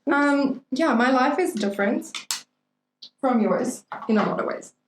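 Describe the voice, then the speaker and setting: A woman's voice: high-pitched, expressive, a little slow, noisy background. A young adult woman co-hosting a podcast, chatting casually in a rambling, playful way with lots of "like". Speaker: podcast co-host. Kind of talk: casual chat. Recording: roomy echo.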